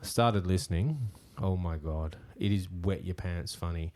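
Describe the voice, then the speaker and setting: Low-voiced man, swearing casually. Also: a little mellow. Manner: swearing, opinionated, quick to joke. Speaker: podcast co-host. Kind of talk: casual chat.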